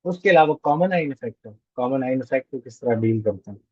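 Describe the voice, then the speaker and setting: A man's voice: mid-range voice, expressive, fairly quick, a little mellow, slightly rough, dry recording, highs cut off. A male chemistry teacher giving a classroom lecture, repeating key phrases and checking that students follow. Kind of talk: classroom lecture mixing Hindi and English.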